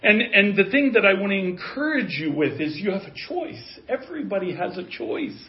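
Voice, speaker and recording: A man's voice: high voice, sing-song, moderate pace, a little hiss or hum. A man in his fifties preaching a sermon in an earnest, conversational way, rising to emphasis. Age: 50s. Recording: dull lo-fi audio.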